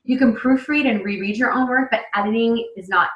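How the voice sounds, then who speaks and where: Speaking brisk English in a high-leaning voice, a woman in her thirties teaches a casual webinar as the author. Her webcam mic on the video call gives a lo-fi sound and catches the room's echo. She's conversational, often filling pauses and restarting sentences.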